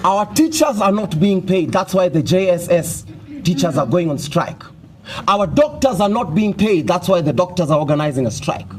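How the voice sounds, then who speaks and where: A man's voice: high voice, very animated, moderate pace. A man with a Kenyan accent gives a fiery revolutionary political speech as an activist spokesperson, rallying people with repeated phrases and call and response. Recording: loud crowd responding around speaker. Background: crowd answering and chanting.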